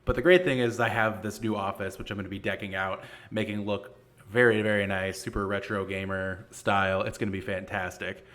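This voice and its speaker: An echoey room surrounds this man's slightly low voice. He hosts a livestream in a casual, informal way, addressing viewers directly and feeling his way through explanations with some hesitation. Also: fairly even intonation, fairly quick, fairly bright tone. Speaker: host of a gaming league livestream. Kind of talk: casual livestream hosting and walkthrough. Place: newly moved-into home or office room, indoors. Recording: echoey, roomy untreated office.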